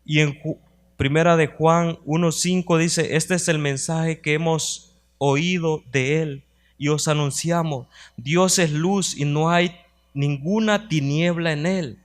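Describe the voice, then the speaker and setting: A man's voice: fairly high pitch, steady tone, measured pace. A man as a youth minister, preaching a sermon to young people and reading scripture aloud with rising emphasis. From United States. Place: church youth sanctuary.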